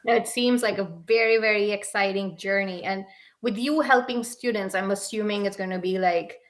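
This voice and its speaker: A woman's voice: medium pitch, normal speed. A young woman hosting a live interview show over a video call, friendly and repeating words for emphasis. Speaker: podcast host.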